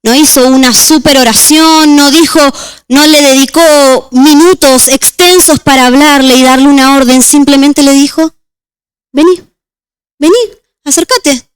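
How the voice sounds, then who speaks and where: A woman deaconess preaching a sermon and reading scripture aloud, slowing down on key words. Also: high-pitched, steady tone, no room sound. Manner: measured, slows on key words.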